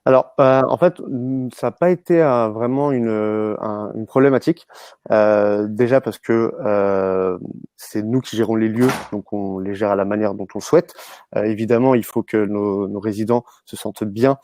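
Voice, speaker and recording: A man with a fairly low, mellow voice speaks as a panelist. He explains things conversationally with a halting delivery, and the sound is dry, free of room echo. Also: steady tone. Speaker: panelist, building manager.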